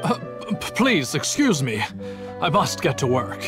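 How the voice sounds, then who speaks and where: A man's voice: fairly high pitch, big pitch swings, a little slow, over loud music. A man voicing a nervous, overeager master brewer in a video game, servile and flustered in his way of talking. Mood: flustered, deferential. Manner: stammering, deferential, flustered.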